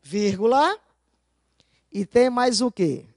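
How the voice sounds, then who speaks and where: Animated woman teacher with quizzing questions. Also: on the high side, no room sound, studio quality. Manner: keeps asking her class rhetorical questions; didactic, stresses key words slowly. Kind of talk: video lesson going over exam answers.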